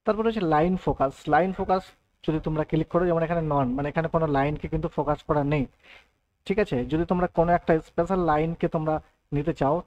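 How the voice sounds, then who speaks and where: A man talks quickly through a software lesson, walking through each option one step at a time and often checking that his listeners are following. His voice sits a little high for a man, and the recording sounds muffled and lo-fi. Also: no room sound. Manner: explains step by step, often adds "thik ache" and "right". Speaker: computer tutor. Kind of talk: screen-recorded software tutorial.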